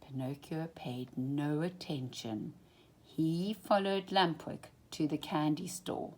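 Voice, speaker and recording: With a low-sitting voice, a female storyteller dramatically and deliberately reads a children's storybook, alternating between full voice and quiet, hushed phrasing. The recording is rough.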